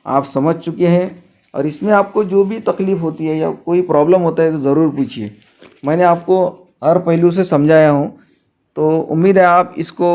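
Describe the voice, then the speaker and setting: A man teaching a grammar lesson, patiently restating the rules and dictating example sentences slowly, word by word. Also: on the high side, mellow.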